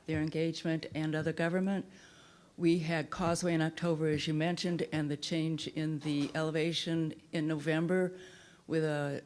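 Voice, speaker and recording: A woman's voice: low-pitched, a little mellow. A woman giving rambling public comment at a government meeting, often restarting her sentences.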